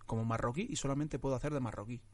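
A man's voice: medium pitch, fairly even intonation, racing. A man, an actor, talking earnestly in a casual interview, often restarting and repeating his words. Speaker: actor, guest.

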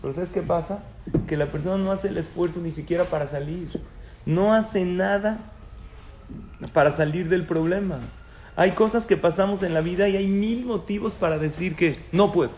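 A man's voice: high voice, fairly quick, a little mellow, slight background noise. A man giving a religious talk to an audience, telling stories and asking them questions. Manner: storytelling, asks the audience questions. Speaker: rabbi lecturer. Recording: echoey room with faint ambience.

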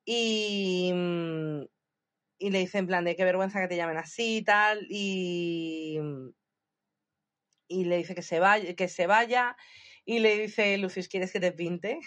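A woman's voice: medium pitch, fairly even intonation, slow, long pauses, a bit bright. Chatty woman recapping a show. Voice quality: chatty, laughs often, retells scenes animatedly. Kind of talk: casual podcast chat recapping a series.

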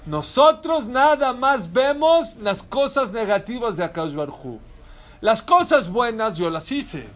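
A man's voice: extremely high pitch, sing-song, unhurried, fairly bright tone. A man preaching a sermon as a rabbi, telling stories and asking rhetorical questions with animation.

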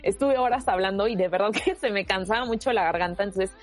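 A woman teacher with a Mexican Spanish accent, talking casually and loudly about teaching online. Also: medium pitch, fast talker. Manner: loud, animated speaker who gestures a lot. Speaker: university teacher.

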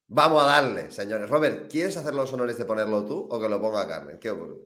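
Male host, lively swooping pitch, crude jokes, casual banter. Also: a little fast. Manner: joking, crude, animated. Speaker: podcast host. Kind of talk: casual chat.

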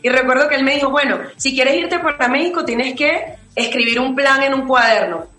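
A woman's voice: high voice, normal speed, bright, forceful tone, roomy sound, rough recording. A singer-songwriter woman from Venezuela in her late twenties, answering interview questions thoughtfully with many fillers and restarts.

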